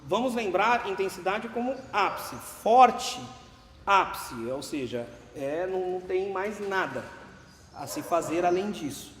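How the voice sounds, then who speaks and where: A man with a high, animated, somewhat bright voice teaches music at a normal speed, patiently explaining dynamics. He counts out beats and sings the note names in an echoey classroom with long reverb and faint room noise.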